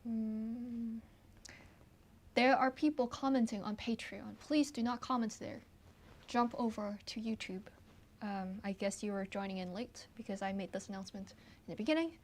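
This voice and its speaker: A woman from Hong Kong, a pianist hosting a relaxed livestream Q&A from her apartment, who chats easily and trails off with ums and soft laughs. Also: fairly high pitch, moderate pace. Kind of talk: casual livestream Q&A chat. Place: her apartment, at home with her piano.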